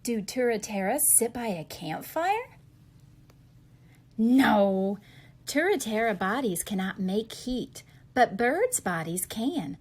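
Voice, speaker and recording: With a slightly husky, somewhat high voice and big pitch swings, a woman slowly reads a children's picture book, asking questions and answering them expressively for young listeners.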